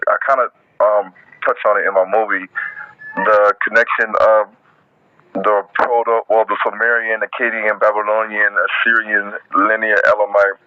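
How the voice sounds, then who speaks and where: A man's voice: on the low side, flat delivery, moderate pace, dry recording. A man who is an author and guest, explaining and listing things in a casual audio-room discussion. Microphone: phone in an audio chat app. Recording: tinny phone-like line.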